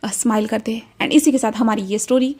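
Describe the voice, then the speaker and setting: A woman casually reading a romantic fan story aloud in Hindi, chatty and relaxed, with plenty of filler words. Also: on the high side, fairly quick, slightly rough.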